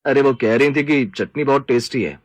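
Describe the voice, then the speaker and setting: A man voicing a polite, mild young husband in an animated family story. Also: medium pitch, normal speed, no room sound, close to an everyday voice.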